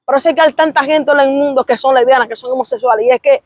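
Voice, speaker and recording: Young woman, high bright voice, dry close mic; passionate church testimony, repeats herself, cries out praise. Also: fairly even intonation, fast talker, no echo. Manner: fervent, repetitive storytelling with exclamations of praise. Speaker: interview guest. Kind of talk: emotional religious testimony.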